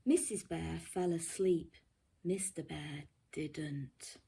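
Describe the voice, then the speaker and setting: Reading a children's story aloud, this woman teacher has a low, gravelly, husky voice and a slow delivery. She tells it expressively, frequently dropping to a near-whisper and putting questions to her young audience.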